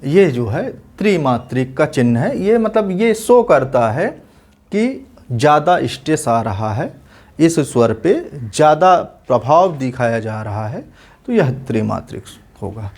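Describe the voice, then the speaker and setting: A male teacher giving an exam-prep lesson, explaining patiently and repeating definitions slowly so students can write them down. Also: mid-range voice, big pitch swings, a little mellow.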